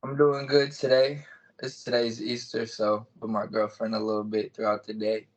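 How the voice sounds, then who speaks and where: A man's voice: on the low side, little pitch movement, normal speed. A man in his twenties chatting casually as an interview guest, explaining things in plain words. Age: 20s. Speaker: music artist being interviewed. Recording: dull, lo-fi call audio.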